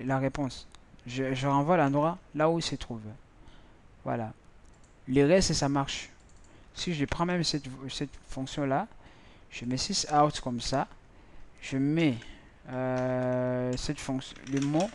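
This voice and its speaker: Slow, halting man teaching code. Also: medium pitch. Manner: halting, repeats words, thinks aloud while typing. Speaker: programming teacher. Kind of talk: screen-recorded coding tutorial.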